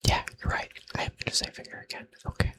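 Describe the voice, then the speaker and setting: A man doing an unscripted ASMR whispered role-play, rambling playfully in a breathy, unvoiced whisper and repeating short phrases over and over. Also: quick pace, sharp tone. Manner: playful, self-deprecating, teasing.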